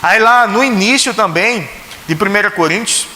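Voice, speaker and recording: Bright and forceful, with a voice that sits high, a Pernambuco-accented Brazilian pastor preaches at a moderate pace from a church sanctuary. His sermon is chatty and packed with rhetorical questions and acted-out quotes; the hall echoes and a faint hiss runs underneath.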